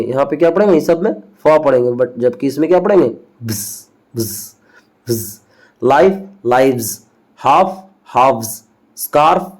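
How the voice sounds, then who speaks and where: A man's voice: medium pitch, darkish tone. Upbeat man teaching an English lesson. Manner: drills words aloud, repeats them, asks and answers his own questions; upbeat, encouraging. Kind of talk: classroom-style online lesson.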